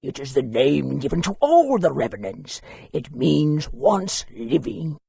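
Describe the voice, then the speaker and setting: A male actor voices a courteous, bookish town historian in a fantasy game, speaking politely in a measured, scholarly way. His fairly high voice is sing-song and warm, with vocal fry and a breathy edge, and the performance is heavily acted. There's no room sound.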